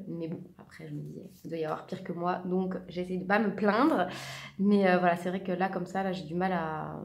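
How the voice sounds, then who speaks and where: A woman in her thirties talks through her coloring session in a loose, rambling way, filling pauses and correcting herself as she goes. Her voice sits a little low and sounds mellow and soft. The recording has a noticeable room echo. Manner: chatty, rambling, frequent fillers and self-corrections. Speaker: coloring vlogger and part-time teacher. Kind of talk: casual chat while coloring. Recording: echoey room.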